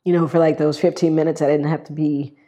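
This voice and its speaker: Woman guest, mellow dark tone, hesitant personal testimonial full of fillers. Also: deep voice, little pitch movement. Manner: halting, many fillers and restarts. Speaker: guest sharing her experience.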